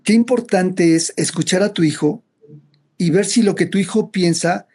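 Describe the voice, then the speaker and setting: High-voiced man telling a story. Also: moderate pace, mellow, breathy edge. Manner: storytelling, acts out quoted characters; rambling with frequent restarts. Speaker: psychologist guest. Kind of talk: conversational explanation.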